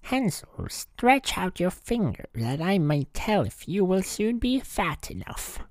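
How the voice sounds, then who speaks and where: A man's voice: high voice, sing-song, slow pace, a little mellow, no room sound, studio quality, voice pushed up, heavily acted. A man voicing a cruel, scolding old witch in a read-aloud bedtime fairy tale. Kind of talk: bedtime story reading.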